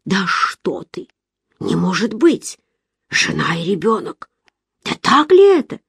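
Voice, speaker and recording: A woman reader voicing an excitable, gossipy young woman friend who talks loudly in exclamations. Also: mid-range voice, slow, creaky, slightly rough, no echo, clean studio sound, exaggerated voice. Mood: excited. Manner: loud, exclamatory, emphatic.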